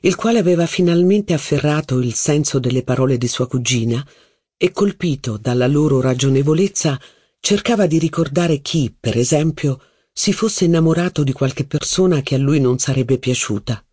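A man reading a literary novel aloud as an audiobook in a measured, expressive manner. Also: on the high side, breathy edge, no echo, studio quality. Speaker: audiobook reader.

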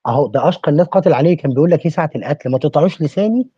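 A fast-talking Egyptian man with a husky, slightly raised voice, preaching his point in a dry, dull lo-fi recording. He fires off rhetorical questions, one after another. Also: a little high, mellow, no echo. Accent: Egyptian Arabic. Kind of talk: impassioned podcast discussion.

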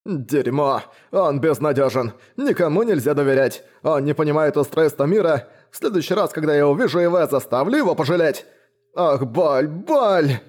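A man's voice: mid-range voice, lively intonation, moderate pace, darkish tone, close to an everyday voice. A man voicing a plump, cowardly aristocrat baron in an audiobook, wailing and full of self-pity. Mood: furious. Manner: wailing, self-pitying cries of pain. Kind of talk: audiobook reading.

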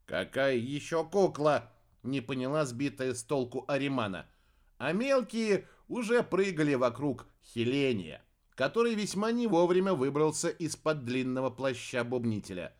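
A man reading a fairy-tale audiobook with expressive storytelling narration. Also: medium pitch, moderate pace. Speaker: audiobook reader. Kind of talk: scripted narration.

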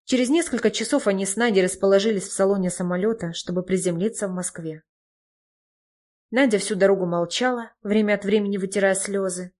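A woman narrating an audiobook in an even storytelling manner. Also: medium pitch, brisk. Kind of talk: scripted narration.

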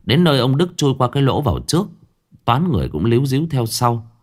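A man's voice: medium pitch, very animated, fast talker. A man narrating a scripted ghost story in a dramatic, storytelling manner.

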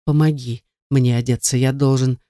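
A reader voicing a wounded young man with a hoarse, strained voice, stubborn and insistent. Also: medium pitch, steady tone, normal speed, warm tone, no echo, clean studio sound, close to an everyday voice.

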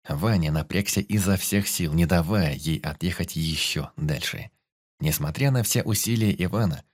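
A man reads a tense story aloud in a very deep, low voice, keeping a steady, measured narration. The delivery stays even as he describes the scenes. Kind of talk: audiobook narration.

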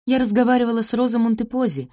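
A woman reading aloud and voicing a gentle, patient young servant girl who reassures others. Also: a little high, very fast, dry recording, studio quality, pitched above the performer's own voice, lightly acted. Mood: reassuring. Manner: soothing, reassuring. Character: patient kind young maid, weary but gentle.

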